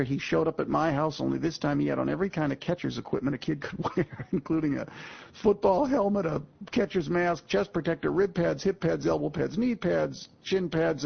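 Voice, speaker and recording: Man in his 60s, guest speaker spinning a story for the crowd; a little high-pitched, heavy fry, lo-fi recording. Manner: folksy and emphatic, addresses the audience directly. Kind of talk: storytelling talk to an audience. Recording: muffled lo-fi audio.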